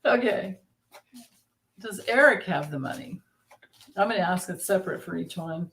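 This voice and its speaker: A woman's voice: on the low side, expressive, normal speed, fairly bright tone, slight background noise. A woman co-hosting a tarot livestream, chatting casually and laughing often. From Kentucky. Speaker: tarot reader co-host.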